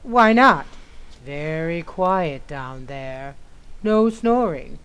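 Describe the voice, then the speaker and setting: A woman as Digby O'Dell, slow, genteel undertaker. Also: low-pitched, lively intonation, fairly bright tone, smooth, heavily acted. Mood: courtly, ghoulishly cheerful. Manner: formal, drawn-out, florid. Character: genteel, morbidly cheerful male undertaker friend. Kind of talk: old-time radio comedy acting.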